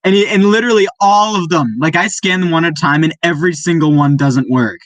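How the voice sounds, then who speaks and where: A man co-hosting a podcast, chatting in a relaxed way. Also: fairly high pitch, fast talker, a little hiss or hum. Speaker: podcast co-host. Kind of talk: casual podcast chat.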